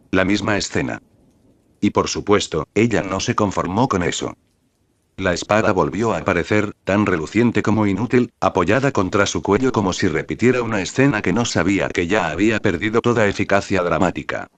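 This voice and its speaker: A man's voice: low voice, dry recording. A man reading fan fiction aloud in a scripted, sardonic narration.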